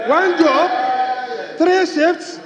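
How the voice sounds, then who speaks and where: A man's voice: very high-pitched, drawn-out words. A man with a Ghanaian accent speaking in a parliamentary debate, insistently repeating his phrases. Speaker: member of parliament. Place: large parliament chamber. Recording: echoing chamber with crowd noise.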